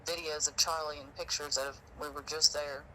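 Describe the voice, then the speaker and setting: Chatty guy rambling on a phone call, kinda emotional, super bright tone, faint hiss. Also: on the high side, flat delivery, normal speed. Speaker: witness. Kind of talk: casual phone conversation.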